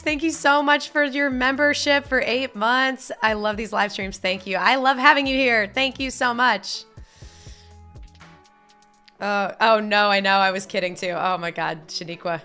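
Blunt young woman from upstate New York, casual streamer chat, bright voice, faint music behind. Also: on the high side, a little slow, clean tone. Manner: blunt, candid, swears casually. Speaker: live streamer. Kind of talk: casual live-stream chat, reading viewer messages.

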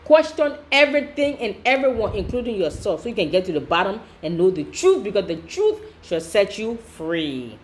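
Woman host reacting to a clip, emphatic and preachy, mid-pitched, faint background hum. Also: big pitch swings, moderate pace, few pauses. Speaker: commentator, channel host. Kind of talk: reaction commentary.

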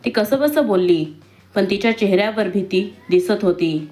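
A woman narrates a scripted romance story. Her delivery is steady and even. Her voice sits at a middle pitch. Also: moderate pace.

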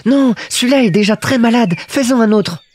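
A small boy prince from a storybook, curious, earnest and gently stubborn. The voice sits far higher than the reader's own, with a slightly distant, different timbre. He asks his questions insistently and with wide-eyed wonder. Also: normal speed, no echo.

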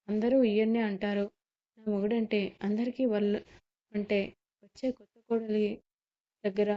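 A woman's voice: mid-range voice, natural voice. A woman voicing a resentful middle-aged woman muttering irritably to herself, on a slightly muffled recording.

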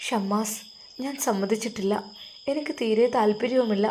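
A woman voicing a worried young woman who talks quietly and hesitantly, close to tears. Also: on the high side, moderate pace, a little hiss or hum, lightly acted.

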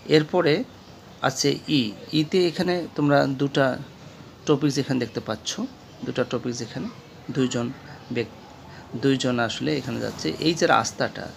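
A male teacher with a Bangladeshi accent explaining a textbook lesson, asking questions and answering them himself, repeating key words slowly. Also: medium pitch, creaky, a little hiss or hum. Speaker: English teacher.

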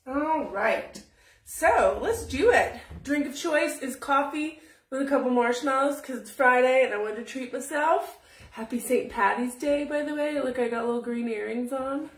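A chatty middle-aged woman leads a casual live painting session in her small home craft room, rambling, laughing easily and a little sniffly. The phone camera is mounted above the table and often out of her reach, so her high voice, at normal speed, sounds distant, off-mic and echoey.

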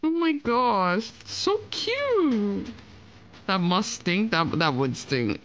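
A woman's voice: medium pitch, big pitch swings, drawn-out words, a little hiss or hum. A woman doing live reaction commentary as a cute anime-style streamer, gushing and exclamatory, often drawing out her words. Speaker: streamer reacting to pet videos. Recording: music behind the voice.

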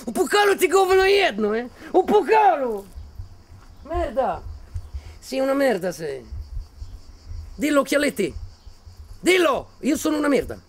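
An actor playing a volatile, menacing militiaman who taunts and mocks, then bursts into shouting. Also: extremely high pitch, big pitch swings, measured pace, pauses often, full character voice. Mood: furious. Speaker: soldier threatening a journalist. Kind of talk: film acting.

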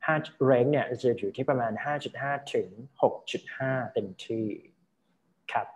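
A man's voice: medium pitch, normal speed, a little mellow. A man teaching an English vocabulary lesson, explaining word by word and often checking that his students follow.

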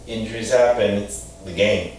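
A man's voice: on the low side, steady tone, normal speed, a little mellow, distant mic, a little hiss or hum, lightly acted. A man reading the part of a restrained, curt sports coach in an acted scene, terse, off-camera in an echoey room. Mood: measured.

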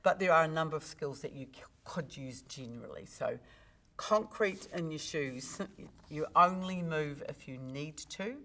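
A woman speaking coach, explaining technique in a podcast interview and acting out her examples. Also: unhurried. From New Zealand. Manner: expressive, demonstrates pitch with big vocal swings.

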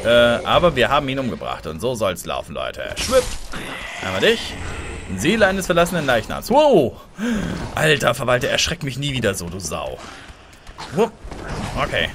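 A man commentating a blind let's play, excitable and easily startled, chatting to viewers and making little sound effects as he plays. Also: mid-range voice, moderate pace, long pauses, noisy background.

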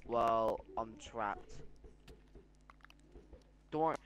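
A man's voice: medium pitch, very slow. A man joining a game session from across the room, blurting short, puzzled questions. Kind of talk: casual gameplay chat.

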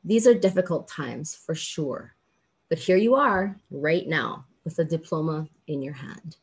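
Woman, middle-aged, from Hawaii; law professor giving a measured, emphatic commencement address on a video call; low-ish voice. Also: animated. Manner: earnest, measured, emphatic pauses. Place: indoors, small room with plain backdrop.

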